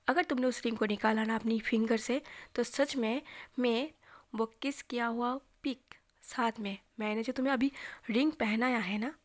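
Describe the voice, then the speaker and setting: Female storyteller, slightly high voice, reads every part herself, drops to a near whisper in tender moments. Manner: narrates and voices both men in her own voice, soft and hushed in tender lines. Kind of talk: reading a fan fiction story aloud.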